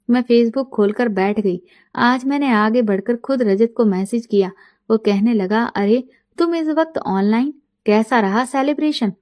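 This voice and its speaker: A woman in her late thirties tells her own story in the first person, gentle and reflective. Her voice is mellow and warm and sits a bit high for a woman. The delivery stays calm and inward. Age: late 30s.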